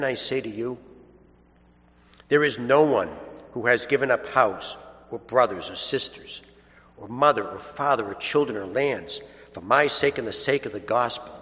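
A man reads scripture in a formal, solemn liturgical style. His mid-pitched voice moves slowly and deliberately. It rings out with a long cathedral echo in a large church. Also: fairly bright tone. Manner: measured, formal, deliberate phrasing. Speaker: clergyman reading the Gospel at a church service.

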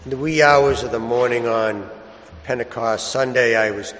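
Priest in a long cathedral echo. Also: male voice, medium pitch, moderate pace, fairly bright tone, slight background noise. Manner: plain storytelling with some restarts. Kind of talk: gospel reading and homily. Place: large church. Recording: long church reverb.

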